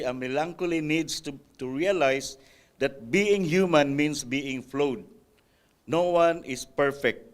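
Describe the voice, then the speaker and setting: Man reading aloud, adding asides. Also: mid-range voice. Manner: reads a text aloud, adding spontaneous comments and checks like "right?"; occasional hesitations and restarts. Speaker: Sabbath school speaker. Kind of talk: church class talk, reading with asides.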